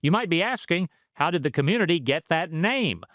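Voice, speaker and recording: A male news reporter narrating a history piece. His voice is somewhat high with a lively, rising and falling delivery. The sound is dry and close. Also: fairly quick, no room sound.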